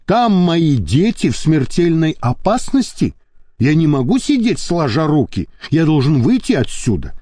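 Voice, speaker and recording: A man's voice: a little high, sing-song, unhurried, dark tone, no echo, clean studio sound, pitched above the performer's own voice. A man voicing a desperate, indignant middle-aged man. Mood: pleading. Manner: pleading, indignant.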